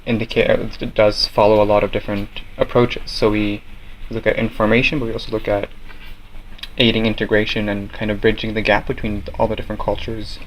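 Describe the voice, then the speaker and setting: Young Norwegian man, low-voiced student president, measured interview answers, faint room ambience behind. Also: flat delivery, slight background noise, rough recording. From Norway. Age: young adult. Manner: measured, with many fillers and restarts.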